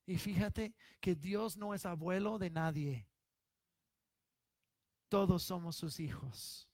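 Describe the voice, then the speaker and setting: High-voiced, unhurried preacher man. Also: no echo. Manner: emphatic preaching, swelling to loud stressed lines. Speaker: pastor. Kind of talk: sermon.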